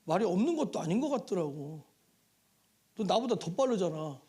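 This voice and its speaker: A male pastor delivering a sermon in a church, his voice sitting high and swinging widely in pitch. He preaches in a loose, chatty way and keeps turning to the congregation with rhetorical questions. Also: normal speed, breathy edge. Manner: lively and conversational, with rhetorical questions and asides to the congregation. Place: church sanctuary.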